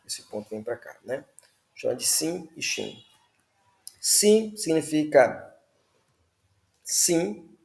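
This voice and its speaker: Man, language teacher, unhurried, repeats himself, gravelly voice. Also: medium pitch, reverberant. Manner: patient, repeats words, checks in with "né?" and "tá?". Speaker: Hebrew teacher. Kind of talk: slow classroom explanation.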